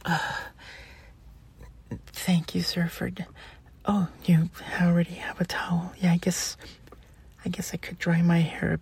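A woman in a whispered role-play, playing a flustered, polite college student who delivers food, with a breathy, husky voice and a hesitant, stammering, apologetic manner. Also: fairly low pitch, flat delivery, unhurried, long pauses, a little mellow, heavily acted. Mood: bashful, yielding.

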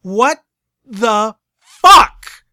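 A man's voice: a little high, lively intonation, moderate pace, sharp tone, no echo, clean studio sound. A man voicing an older mare pony leader who is frustrated and fiery, talking in an emphatic, exasperated way. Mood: furious. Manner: exasperated, emphatic, swearing when angry.

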